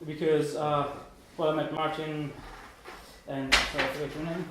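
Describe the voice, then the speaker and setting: With a fairly high, fairly bright voice, a flat delivery and normal speed, a German-Italian man in his 20s presents informally as a student at a small meetup indoors. His talk is halting, meandering and self-mocking, captured by a distant room microphone in an echoey space with background noise.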